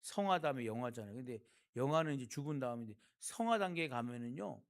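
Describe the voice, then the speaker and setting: A man's voice: medium pitch, lively intonation, quick pace. A male pastor from South Korea giving a sermon, talking with the congregation and asking them rhetorical questions.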